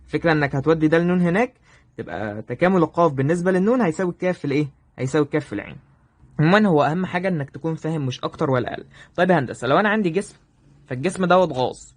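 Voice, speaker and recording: A man with an Egyptian accent teaching a review lesson, addressing students directly and checking in with quick questions. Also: high-pitched. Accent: Egyptian Arabic. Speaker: math teacher.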